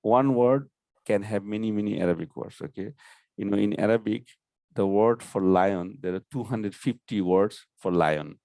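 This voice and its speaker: Low dark-voiced man teaching Arabic grammar. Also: moderate pace, dry recording. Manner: explanatory, repeats "okay" often. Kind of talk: online class lecture.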